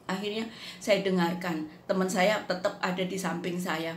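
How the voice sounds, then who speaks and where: A woman telling a faith testimony in an unhurried, earnest devotional manner. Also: lowish voice, steady tone. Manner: unhurried, earnest storytelling that acts out quotes. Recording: roomy echo with faint background noise.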